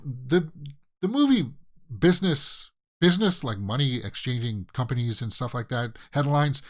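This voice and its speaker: A Canadian man hosting a casual movie news show, rambling through headlines with plenty of fillers and restarts. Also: mid-range voice. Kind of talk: casual solo commentary.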